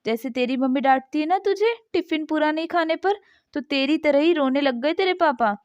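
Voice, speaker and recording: A woman's voice: high voice, normal speed, darkish tone, dry recording, pitched above the performer's own voice, natural voice. A woman voicing a proud older mother who is hurt by her son but loves her family. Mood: gentle. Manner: stern, dignified. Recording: dull dry lo-fi sound.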